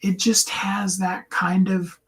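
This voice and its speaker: In a level tone, a higher-tenor host and coach offers his viewers earnest encouragement. He repeatedly slows his pace and slips into a soft whisper during the motivational talk.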